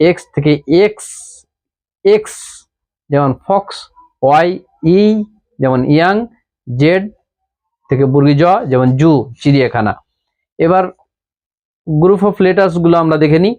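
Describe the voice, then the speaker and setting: A man with a Bengali accent teaches English pronunciation in a slow, patient way. He says each rule twice and follows it with examples. His voice sits a little high. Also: dull audio. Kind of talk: pronunciation lesson.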